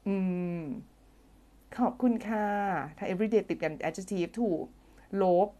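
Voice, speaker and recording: A woman leads a live grammar lesson in an unhurried way, stretching out her words. She stays chatty and playful, reads viewers' answers aloud, laughs easily and hums while she thinks. Her voice sits at an ordinary middle pitch. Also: steady tone, dark tone. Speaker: English teacher. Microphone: phone or desk mic for a live stream.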